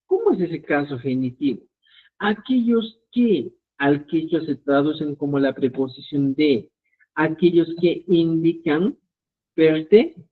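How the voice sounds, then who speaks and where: A man teaching a language class online, explaining rules and often checking in with his students. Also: a little high. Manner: instructive, keeps checking in with "¿ya?". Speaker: Quechua writing teacher. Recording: tinny phone-like online call audio.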